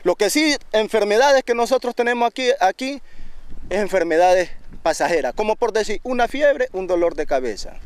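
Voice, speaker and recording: A man's voice: high voice, animated, moderate pace, clean tone. A young man, speaking earnestly and proudly in an outdoor documentary interview, often repeating words and restarting. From Ecuador. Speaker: waste picker interviewee. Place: outdoors at a landfill. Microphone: handheld interview mic.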